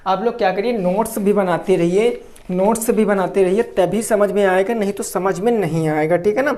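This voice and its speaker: A man's voice: sits high, normal speed, warm tone. A male teacher giving an exam-prep grammar lesson, who asks a question, answers it himself, stretches his example words and keeps checking that students follow. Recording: echoey room.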